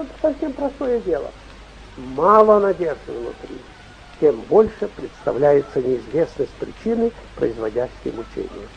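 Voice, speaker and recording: A man's voice: fairly high pitch, vocal fry, darkish tone, lo-fi sound, a little hiss or hum. An older man, a bishop, preaching in a rambling, repetitive folksy way, heard on an old dictaphone tape recording. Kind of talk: sermon.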